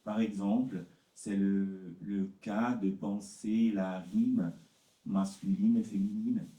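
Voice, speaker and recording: A man gives a conference talk about translation. He answers questions slowly and haltingly, often repeating words and using fillers. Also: deep voice, dark tone, echoey room, recorded from a distance, poor audio. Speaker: literary translator presenting his work.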